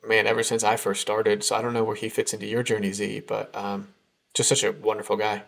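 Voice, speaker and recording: A man's voice: lowish voice, flat delivery, a little fast, vocal fry, a bit bright. A man co-hosting a podcast, chatting casually and upbeat with many fillers over a call. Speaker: podcast co-host. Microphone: remote call.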